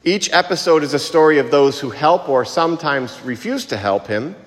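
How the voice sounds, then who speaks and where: A man's voice: on the high side, expressive, normal speed. Man preaching in cathedral-like echo. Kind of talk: liturgical reading and homily. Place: large reverberant church, cathedral-like echo. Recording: echoey church hall with long reverb.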